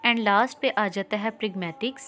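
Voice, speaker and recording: A woman's voice: mid-range voice, a bit bright, slight background noise. Pakistani woman teaching exam answers. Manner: reads English slowly, explains in Hindi-Urdu with English terms. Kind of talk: exam-prep lesson explaining answers.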